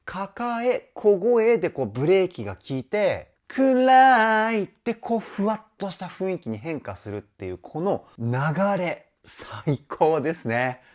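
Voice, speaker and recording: Enthusiastic woman vocal coach, low voice that swings widely, explains technique and sings short examples. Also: big pitch swings, measured pace, few pauses, noisy background. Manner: enthusiastic, explains while breaking in with short sung demonstrations. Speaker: vocal trainer. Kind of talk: song analysis commentary.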